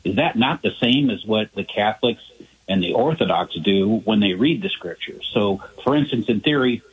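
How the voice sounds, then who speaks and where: Low husky man calling in by phone. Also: animated, normal speed. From South Carolina, US. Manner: methodical, lays out his questions point by point. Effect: voice heard over a phone line on the radio. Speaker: radio show caller. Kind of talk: phoning in to a call-in radio show. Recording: tinny narrow-band phone line.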